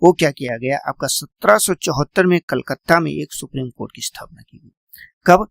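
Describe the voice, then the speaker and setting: A man's voice: on the high side, animated, fairly quick, creaky, dry recording. A man teaching a classroom lecture, repeating key points, quizzing his students and calling them "beta".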